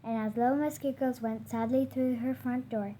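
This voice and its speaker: A woman reading a children's picture book aloud, gently, now and then stumbling over hard words. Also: a little high, fairly even intonation, moderate pace, slight background noise. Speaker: storyteller.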